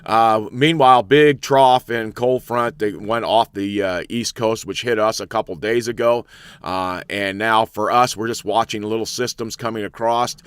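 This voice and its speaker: Chatty lowish-voiced man hosting weather talk. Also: fairly even intonation, normal speed, clear, resonant tone, dry recording, clean studio sound. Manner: chatty, rambling, thinks aloud with many fillers. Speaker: weather show host. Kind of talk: casual live weather analysis.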